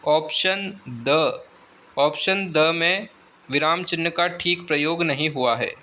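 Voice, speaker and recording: With a sharp voice on the high side, a male exam tutor works through grammar questions and answers. He reads each option in a slow, deliberate way.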